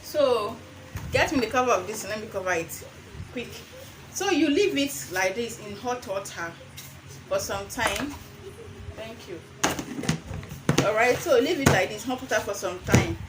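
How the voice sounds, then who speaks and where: A woman's voice: fairly high pitch, expressive, a little slow, long pauses, background noise. A young adult woman with a Nigerian accent gives an informal how-to demonstration, slipping into Pidgin phrasing and repeating phrases for emphasis. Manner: slips between English and Pidgin phrasing. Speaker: herbal remedy seller and vlogger.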